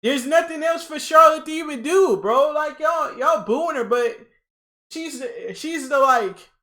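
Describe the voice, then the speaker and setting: A young man hosting a casual livestream reaction, excitable and rambling, repeating himself and talking to his chat. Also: extremely high pitch, unhurried. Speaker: livestream host.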